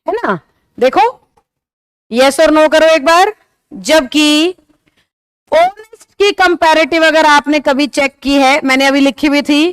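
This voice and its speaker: A high-pitched woman teacher leads a classroom grammar lesson in a close, dry-sounding recording. She explains patiently, keeps checking whether her students follow, and draws out the key example words slowly for emphasis. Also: no echo. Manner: explains patiently, checks understanding with rhetorical questions. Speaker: English teacher. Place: classroom with a board.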